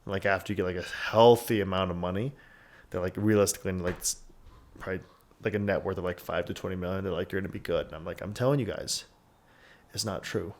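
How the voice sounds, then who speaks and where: Speaking fast in a low, steady voice, a twenty-something man hosts a podcast full of candid, casual talk. He wanders from point to point, leans heavily on "like," and curses frequently.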